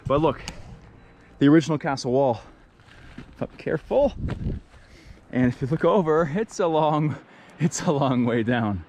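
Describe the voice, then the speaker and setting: A man's voice: on the high side, lively intonation, a little slow, long pauses, a little mellow, slight background noise. Eager man exploring a ruin, raised voice. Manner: eager, wondering aloud, keeps saying look. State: slightly out of breath. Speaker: adventure vlogger. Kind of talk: excited exploration vlog. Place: outdoors at a hilltop castle ruin.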